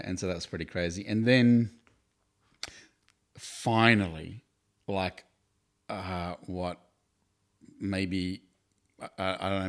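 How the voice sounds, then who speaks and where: An Australian man from Tasmania, around his forties, a guest in an interview who tells his own stories chattily and with self-deprecating laughs. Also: low-pitched. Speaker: campus ministry worker, guest. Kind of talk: casual interview storytelling.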